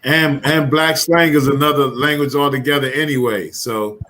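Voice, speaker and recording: A man's voice: mid-range voice, fairly even intonation, moderate pace, a bit bright, slight background noise. A man co-hosting a live roundtable stream, trading laid-back, jokey banter. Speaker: co-host on a live roundtable show. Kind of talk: casual livestream banter.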